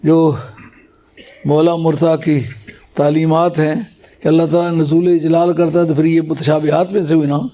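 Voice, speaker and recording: A man giving a scholarly religious talk to a gathering, explaining points patiently and reciting Arabic phrases slowly. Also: on the high side, level tone, warm tone.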